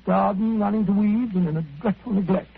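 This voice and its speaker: An actor playing an earnest, good-natured doctor companion who talks chattily and a little hesitantly, in 1940s radio acting. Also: male voice, high voice, steady tone, a little fast, gravelly, slightly rough, full character voice. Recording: tinny old radio broadcast.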